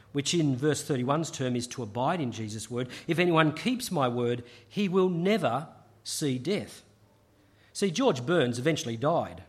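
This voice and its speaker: A man delivering a sermon in a slightly raised, husky voice. He preaches in a measured, emphatic way and often pauses to restart a phrase. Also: on the high side.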